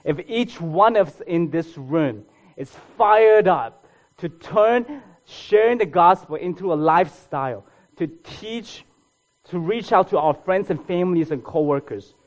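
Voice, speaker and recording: A man preaching a sermon, his voice sitting a little high and his carrying a sound. He drives points home with impassioned runs of single words. The recording is a bit dull and muffled. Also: lively intonation, a little slow. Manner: impassioned preaching in emphatic word lists. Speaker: college minister. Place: church hall.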